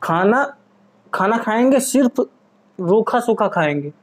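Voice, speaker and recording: A man talking casually to his wife and to his viewers in a home vlog, calm, firm and teasing, recorded indoors on a camera set up in front of him. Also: high-pitched, unhurried. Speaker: vlogger husband pulling a prank.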